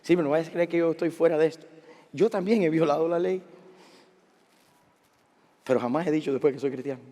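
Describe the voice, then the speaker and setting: Animated pastor preaching in a reverberant church. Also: male voice, on the high side, fairly quick. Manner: animated, asks the congregation questions and tells personal stories. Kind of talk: sermon. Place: large church sanctuary. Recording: long hall reverb of a church.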